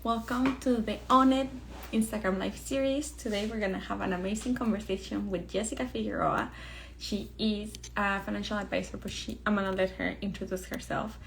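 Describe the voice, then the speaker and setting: A woman's voice: mid-range voice, steady tone, a little fast, creaky, slight background noise, rough recording. A woman hosting a live-stream interview over a video call, upbeat and drawing out her phrases. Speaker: host.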